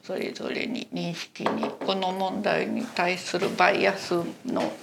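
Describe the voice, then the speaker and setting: Guest, female, gravelly vocal fry, measured hesitant explanations. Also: fairly low pitch, little pitch movement, background noise. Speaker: exhibition creator, guest. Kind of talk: casual interview chat.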